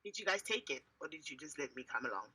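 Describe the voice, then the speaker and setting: A woman's voice: deep voice, very animated, fast, pushed and bright, breathy edge, poor audio. A woman improvising casually as a player in a tabletop roleplaying game.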